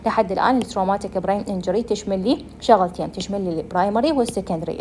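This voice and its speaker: A woman's voice: medium pitch, a little mellow, a little hiss or hum. A young woman with an Iraqi Arabic accent giving a medical lecture, explaining step by step and answering her own questions.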